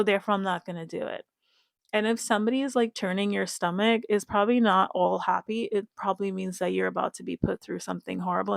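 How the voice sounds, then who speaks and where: A woman's voice: mid-range voice, creaky, no echo. A woman giving casual, emphatic commentary to her viewers, repeating her points and speaking to them directly. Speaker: reality-show commentator.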